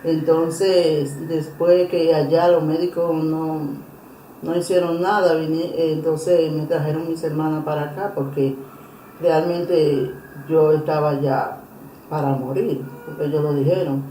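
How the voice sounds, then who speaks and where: Woman telling her faith story, mellow voice, halting and emotional, roomy echo. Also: low voice, steady tone, a little hiss or hum. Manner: earnest, emotional storytelling with many pauses and restarts. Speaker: interviewee giving a religious testimony. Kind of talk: personal testimony interview.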